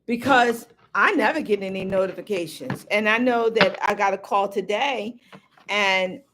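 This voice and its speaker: A woman's voice: mid-range voice, moderate pace, background noise. A woman hosting her own live stream, chatting casually and rambling as she talks straight to her viewers. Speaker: livestream host.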